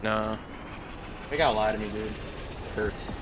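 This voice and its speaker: A man's voice: lowish voice, a little slow, noisy background. A man streaming a game with friends, joking around in casual, playful banter. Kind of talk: casual gaming chat.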